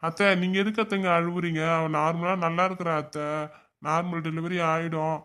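A man's voice: a little high, steady tone, brisk, fairly bright tone, clear, resonant tone, close to an everyday voice. Man doing an anxious young cartoon husband. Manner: polite, anxious, repeats respectful address. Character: earnest young husband, soon a father.

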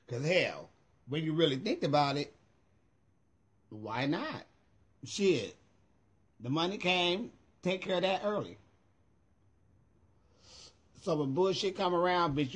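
On a livestream recorded by phone at arm's length in his home, a middle-aged American vlogger talks casually, sassy and emphatic with plenty of swearing. His voice is on the high side with lively intonation and a breathy edge, moving slowly with long pauses.

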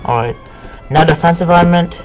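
A man giving casual, excitable gameplay commentary with a friend, bursting into yells and sing-song chants. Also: a little high, brisk, over music, rough recording. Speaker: gaming video host.

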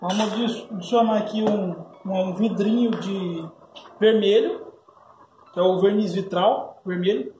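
A man's voice: high-pitched, unhurried, mellow, echoey room, a little hiss or hum. A man with a Brazilian Portuguese accent, a custom painter, patiently explaining a paint job step by step in a casual way.

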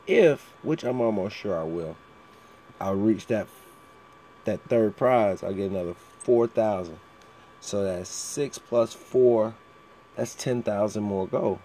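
Man, lowish pitch, mellow relaxed tone, casual game walkthrough commentary, faint background fan noise. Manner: frequent throat clearing. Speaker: mobile game player giving tips. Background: fan running.

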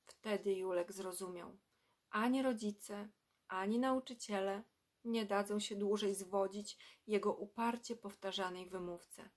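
A woman reading a children's book aloud in a measured storytelling manner, dropping her voice for dramatic moments. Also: medium pitch, fairly even intonation, a little mellow.

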